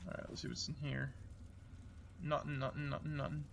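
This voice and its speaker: A man's voice: medium pitch, flat delivery, a little fast, gravelly, noisy background. A man giving casual, profane let's play commentary, muttering to himself as he plays. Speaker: video game player.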